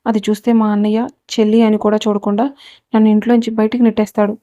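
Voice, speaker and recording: A woman's voice: medium pitch, level tone, fast talker, warm tone, dry recording, highs cut off, close to an everyday voice. A woman reading the lines of a suspicious, scheming middle-aged aunt in a Telugu audio story. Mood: pleading. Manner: suspicious, then pleading and scared.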